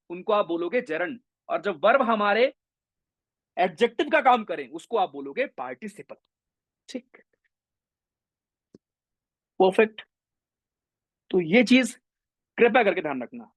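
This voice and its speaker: A young man teaching English grammar in an online exam-prep class, energetic and mixing English terms into his talk. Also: high-pitched, no echo. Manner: energetic, mixes Hindi with English terms, addresses students as brothers.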